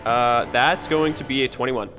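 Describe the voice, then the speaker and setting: A man's voice: medium pitch, normal speed, pushed and bright, faint music behind. A man playing in a tabletop game, describing his character's moves in a rambling way full of 'like' and 'sort of'. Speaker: player. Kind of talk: casual tabletop play.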